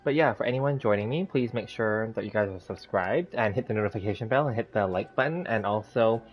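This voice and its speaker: A man's voice: on the low side, fairly quick. A man chatting casually as he hosts a gameplay livestream, rambling through each step, with a slight lisp as if he just bit his tongue. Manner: rambling step-by-step self-narration. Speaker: live-streaming game host. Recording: dull, lo-fi sound, background music. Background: music.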